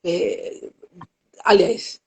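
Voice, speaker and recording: A woman photographer telling stories in a live interview, acting out the dialogue with expressive voices. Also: extremely slow. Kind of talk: animated storytelling in a live interview. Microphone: live stream.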